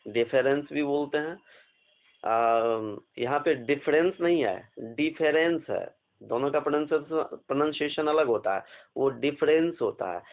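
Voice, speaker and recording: A man teaching an exam vocabulary lesson, slowly spelling out words letter by letter and asking questions. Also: medium pitch. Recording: phone-like narrow band.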